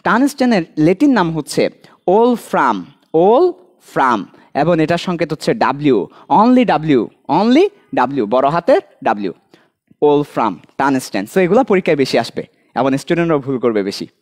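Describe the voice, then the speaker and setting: A chemistry tutor with a Bangladeshi accent teaches an online admission-prep class. The tutor says each key point twice and puts quick questions straight to the students. Light joking asides break up the drilling. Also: medium pitch, big pitch swings, a little mellow. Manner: repeats key points, quizzes students directly.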